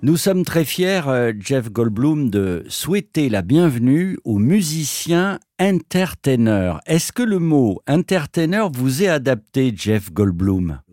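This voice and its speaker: A man hosting a radio interview, his formal questions rising and falling with plenty of movement. The studio sound is dry and close, with no room echo. He sits at a mid pitch for a man. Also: slow, hardly any pauses. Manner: animated, formal. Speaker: radio host.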